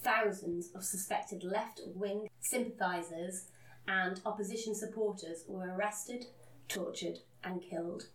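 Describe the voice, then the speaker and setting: A woman's voice: mid-range voice, fairly even intonation, measured pace. A woman co-hosting a podcast, telling a story in a casual, earnest way and laughing at herself now and then. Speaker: podcast co-host. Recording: roomy, a bit distant from the mic.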